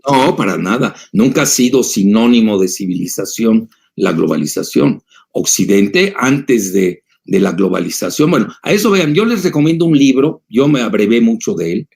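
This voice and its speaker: An older man answers audience questions in a rambling, emphatic lecture, full of filler sounds. His voice sits low and gravelly, with a husky edge. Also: animated, moderate pace, darkish tone. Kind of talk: lecture-style talk.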